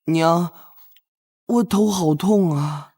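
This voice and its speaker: Brief: joking, pampered young master in a TV drama, lively voice. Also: male voice, high voice, a little slow, exaggerated voice. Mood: playful. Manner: playful, whiny and joking. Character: carefree young rich master, joking son. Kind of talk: TV drama acting.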